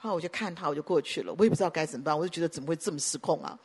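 A woman pastor delivers a sermon with emphasis, stacking repeated phrases and erupting into sudden loud bursts. Her voice sits low and moves very fast, with a breathy edge.

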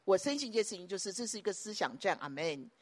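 A woman pastor preaching a sermon emphatically, piling up repeated phrases and breaking into sudden loud bursts. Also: mid-range voice, animated, fast.

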